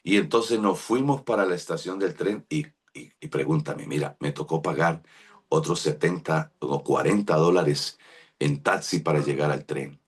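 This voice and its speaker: Colombian pastor guy, middle-aged, low husky voice, telling his story in a sermon and doing the voices of the people in it. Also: normal speed. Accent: Colombian Spanish. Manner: storytelling, acts out quoted voices, addresses listeners by name.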